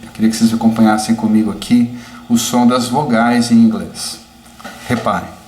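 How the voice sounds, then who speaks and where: A male teacher walks a class through pronunciation and shapes each example word with care. His mid-pitched voice sounds out in an echoing room, over a faint hum of background noise. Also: flat delivery, a little mellow. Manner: slow, deliberate, demonstrative. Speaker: English teacher.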